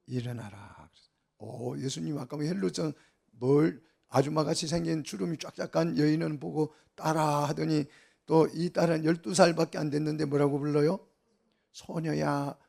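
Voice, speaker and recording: Gravelly-voiced man preaching. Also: fairly high pitch, mellow. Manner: asks the congregation questions and answers them himself. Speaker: pastor. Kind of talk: expository sermon.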